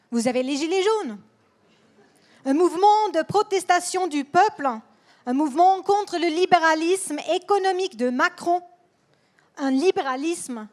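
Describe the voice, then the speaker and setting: In a rally hall, a Swedish woman delivers a political speech in a second language, her accent clear. She speaks carefully and deliberately, repeating words as she goes, in a high-pitched voice.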